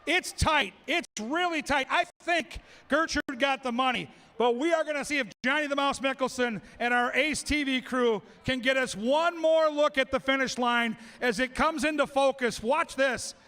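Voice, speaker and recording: A man calling live races as a track announcer, excitable and shouting out the calls and names. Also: very high voice, normal speed. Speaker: race announcer. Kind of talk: live race-call commentary. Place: racetrack.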